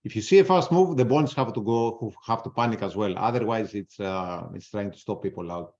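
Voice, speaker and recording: A man with a lowish, darkish voice talks fairly quickly while presenting a trading webinar in non-native-accented English. He answers audience questions and comments on trades live, bluntly and casually, swearing freely over dull lo-fi sound.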